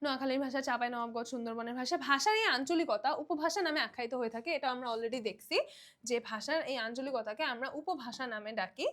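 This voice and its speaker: A woman's voice: sits high, fast, a bit bright. A young woman from Bangladesh teaching an exam-prep lesson, explaining in a conversational way, often checking in with her students and mixing in English words.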